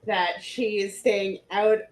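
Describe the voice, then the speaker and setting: A woman's voice: medium pitch, fairly even intonation, slow, reverberant, low-quality recording. Hesitant woman player thinking aloud. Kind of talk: casual tabletop play.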